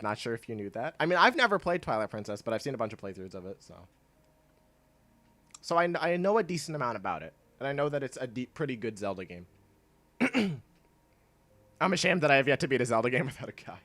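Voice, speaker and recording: Here a young male streamer with a mid-range, slightly bright voice talks loosely with viewers and answers their chat messages. Clogged sinuses leave him sounding stuffy, and he wanders off topic, often stopping short and laughing.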